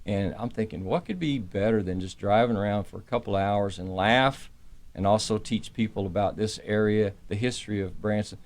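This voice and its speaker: Low-voiced folksy man chatting easily. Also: moderate pace. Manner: folksy, easygoing, rambling. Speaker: interview guest, entertainer promoting a comedy tour. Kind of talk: casual chat. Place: radio studio.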